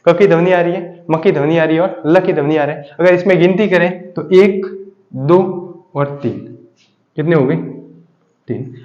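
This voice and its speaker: Male teacher, raised voice, asks then answers his own questions, echoey room. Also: fairly high pitch. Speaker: Hindi grammar teacher. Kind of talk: classroom lesson. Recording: echoey room, dull lo-fi sound.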